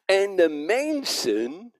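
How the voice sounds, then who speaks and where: Animated Dutch-speaking preacher, very unhurried. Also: male voice, high voice, no room sound, clean studio sound. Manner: lively storytelling, acting out quoted voices; plain colloquial Dutch, with slips and restarts. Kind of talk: sermon.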